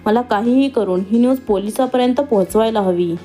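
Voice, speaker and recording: Woman doing a worried young wife from a storybook, soft and pleading, highish. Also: a little fast, soft background music, natural voice. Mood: anxious. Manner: pleading, anxious. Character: gentle young wife, anxious.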